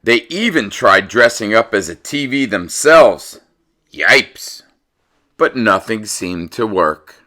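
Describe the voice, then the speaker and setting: A male host reads children's picture books aloud expressively, unhurried and theatrical, his pitch swinging lively up and down.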